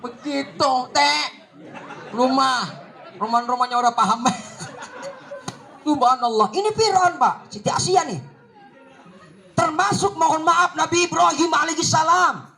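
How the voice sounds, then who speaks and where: Guy preaching, really high voice, cracks jokes and keeps asking the crowd if he's right. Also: unhurried, creaky, pauses often, bright, forceful tone. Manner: joking, teasing the audience with rhetorical questions. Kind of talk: humorous sermon.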